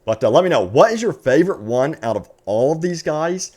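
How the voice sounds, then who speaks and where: A man hosts a gaming news video with upbeat, enthusiastic fan commentary, talking directly to his viewers and stretching words for emphasis. His voice is a little high and darkish in tone, brisk, with big pitch swings.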